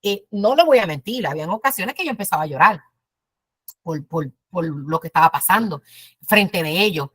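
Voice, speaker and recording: A woman's voice: on the low side, animated, normal speed, fairly bright tone, breathy edge, dry recording. A woman, perhaps in her fifties, teaching mothers at church in an earnest, direct, exhorting way. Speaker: women's ministry teacher.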